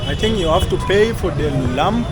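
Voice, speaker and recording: Brief: high-voiced male travel vlogger from South Sudan, chatty, loud traffic behind. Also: normal speed. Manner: chatty, keeps addressing viewers as guys. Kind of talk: casual travel vlog. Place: busy street outdoors. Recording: loud street traffic noise.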